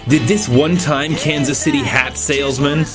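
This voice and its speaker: Man hosting a museum podcast, middling pitch. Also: steady tone, moderate pace, over music. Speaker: podcast host, assistant museum curator. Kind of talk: scripted intro and casual interview.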